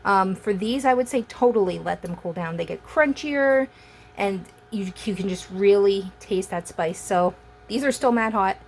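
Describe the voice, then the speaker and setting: A woman's voice: mid-range voice, normal speed, darkish tone, a little hiss or hum. A young woman hosting a home cooking vlog, chatty and enthusiastic as she taste-tests her baking. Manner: chatty and enthusiastic, talks while chewing. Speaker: food vlogger. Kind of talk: casual cooking demo and taste test.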